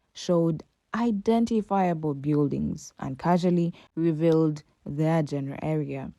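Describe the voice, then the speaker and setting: Low, dark-voiced woman narrating commentary. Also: dry recording. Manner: emphatic, rhetorical questions. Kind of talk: scripted commentary voice-over.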